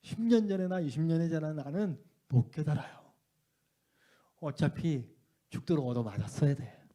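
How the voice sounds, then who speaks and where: A middle-aged man preaching a sermon in a church, telling his story with passion and moving between shouts and hushed tones. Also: fairly high pitch, expressive, normal speed. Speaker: revival preacher. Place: church sanctuary.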